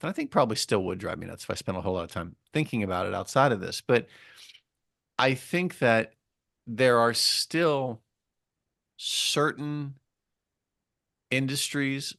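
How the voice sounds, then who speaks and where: A man's voice: lowish voice, vocal fry, a bit bright, dry recording, studio quality. A man co-hosting a podcast in a casual academic discussion, talking emphatically with wry, sarcastic asides and repeated key phrases. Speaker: podcast co-host.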